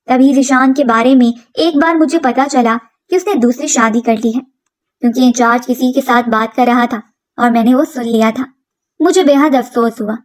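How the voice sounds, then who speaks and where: A woman's voice: high-pitched, darkish tone. A woman telling a dramatic story in the first person, reading a script in an earnest storytelling manner.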